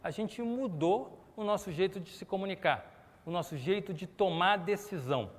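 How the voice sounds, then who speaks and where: In a conference hall with a long, echoing reverb, a middle-aged man from Brazil gives an energetic keynote. His voice sits high and his pace is normal as he polls the crowd, inviting hands to go up in a chatty corporate talk.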